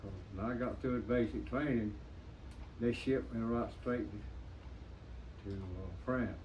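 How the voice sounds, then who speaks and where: An elderly American man, a veteran remembering his service in an interview in a plain-spoken, halting, folksy way. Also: medium pitch, steady tone. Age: 90s. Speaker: WWII veteran being interviewed. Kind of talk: interview reminiscence. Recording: dull lo-fi sound with faint noise, distant mic.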